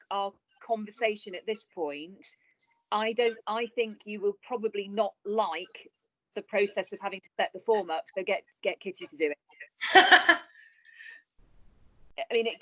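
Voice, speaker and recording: A woman's voice: medium pitch, fairly bright tone, no echo, rough recording. A woman coaches a client over a video call, talking in a chatty, encouraging way. Her advice is practical and she uses plain idioms. The sound is dry. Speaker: business coach.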